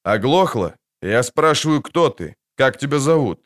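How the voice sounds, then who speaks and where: A gruff, sarcastic monster hunter who loses patience quickly, read by a man in near his own voice. His speech rises and falls expressively, mocking one moment and sharp the next. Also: medium pitch, big pitch swings.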